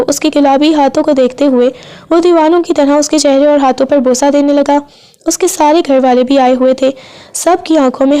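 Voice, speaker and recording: A woman narrating a romance novel aloud in a steady, even storytelling read. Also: sits high.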